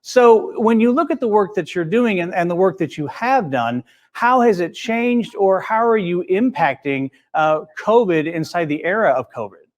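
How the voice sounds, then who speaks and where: A man's voice: high voice, animated, moderate pace, hardly any pauses. A man hosting a business interview show, introducing his guest and asking questions in a friendly, conversational way. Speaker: host.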